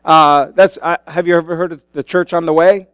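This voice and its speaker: A man's voice: fairly high pitch, fairly even intonation, a little fast, fairly bright tone, clean tone, no echo. A male pastor preaching a sermon into a pulpit microphone in a church, in a casual, conversational way with many fillers and restarts. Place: church sanctuary.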